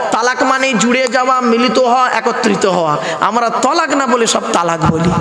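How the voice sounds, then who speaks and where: A man's voice: very high voice, bright, forceful tone. A man preaching a waz sermon to a gathering, often asking the crowd questions. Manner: call-and-response, rhetorical questions. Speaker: Islamic preacher. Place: outdoor sermon pandal over loudspeakers. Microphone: handheld PA microphone. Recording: echoey hall, long reverb.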